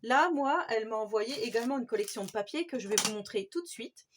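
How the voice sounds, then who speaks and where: A woman with a French accent hosts a scrapbooking channel, chatting enthusiastically through a casual craft vlog full of fillers. Her voice is a little high, animated and fast, with a slight hiss or hum behind it.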